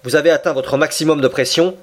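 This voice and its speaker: A man's voice: on the high side, fast, pitched above the performer's own voice, natural voice. A man voicing an impatient male frigate captain who barks short orders. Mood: commanding. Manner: curt, barked orders.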